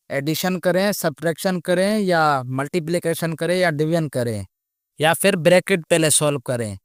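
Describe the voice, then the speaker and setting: Slow, patient male math teacher. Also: on the high side, clean tone, no room sound, clean studio sound. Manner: slow, patient explaining with repeated check questions. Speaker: math teacher, channel host. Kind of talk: step-by-step math lesson.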